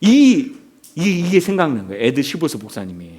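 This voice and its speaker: High, lively-voiced male pastor preaching. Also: a little fast, husky. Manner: animated storytelling, asks the congregation questions. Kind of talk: sermon.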